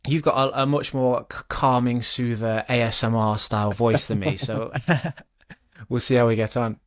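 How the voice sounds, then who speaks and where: A man's voice: mid-range voice, fairly even intonation. A man co-hosting a podcast, talking casually and reading a book chapter aloud, with frequent restarts and asides. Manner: chatty, self-correcting, pauses to comment. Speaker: podcast co-host.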